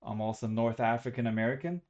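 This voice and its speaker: This young Algerian student records a webcam presentation in a loose, somewhat rambling style, stopping to correct himself. He talks fast in a mid-range, slightly mellow voice, and the recording sounds muffled.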